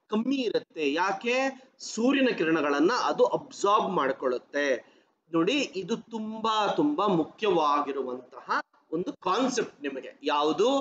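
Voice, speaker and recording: A man's voice: high-pitched, a bit bright, muffled recording. A man teaching a geography lesson to exam students, mixing in English terms and asking questions that he answers himself. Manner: mixes English terms into his talk.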